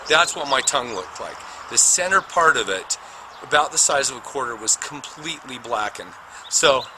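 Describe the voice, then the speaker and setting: A middle-aged man telling his own near-death story as a personal testimony, animated and dramatic, with spoken sound effects. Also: medium pitch. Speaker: speaker recounting a near-death experience. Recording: noticeable background noise.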